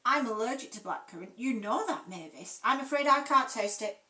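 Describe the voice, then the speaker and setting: A woman's voice: high-pitched, big pitch swings, normal speed, sharp tone, pitched above the performer's own voice, exaggerated voice. A woman reading aloud and voicing a nervous, tearful woman judge with a quivering, pleading voice. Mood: distressed.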